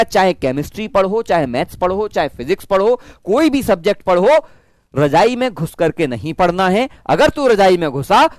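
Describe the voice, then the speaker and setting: High-voiced man teaching online. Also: dry recording. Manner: chatty, mimics students in quick asides. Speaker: physics teacher. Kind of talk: online class pep talk.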